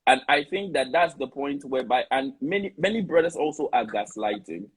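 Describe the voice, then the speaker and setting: Husky, lively male talk host. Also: medium pitch, fairly quick, low-quality recording. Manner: animated, stumbling restarts, laughs often. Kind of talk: casual live discussion.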